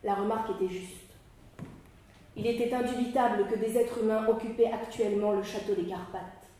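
A woman reading a classic novel aloud in a measured, expressive storytelling manner. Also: mid-range voice, slight background noise. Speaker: audiobook reader. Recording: echoey room, mic far off.

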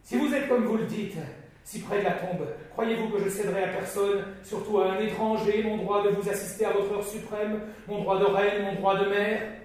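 A man's voice: high-pitched, normal speed, a little mellow, lightly acted. A man voicing a proud, scheming older queen mother, haughty and raised, in a very echoey room from a distant mic. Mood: indignant. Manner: haughty, then shaken.

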